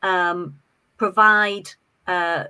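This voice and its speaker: A woman's voice: fairly low pitch, fairly even intonation, very slow, pushed and bright, clean tone. A woman on a panel discussion who talks with frequent hesitations and fillers.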